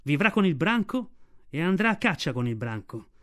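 A man's voice: fairly high pitch, lively intonation, a little fast, a little mellow, natural voice. A man voicing a fierce, protective mother she-wolf in an audiobook, speaking defiantly in a raised voice. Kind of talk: audiobook reading.

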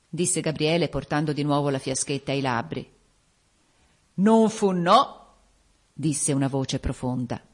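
A woman narrating an audiobook of a classic ghost story in a measured, literary way. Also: fairly low pitch, darkish tone, husky.

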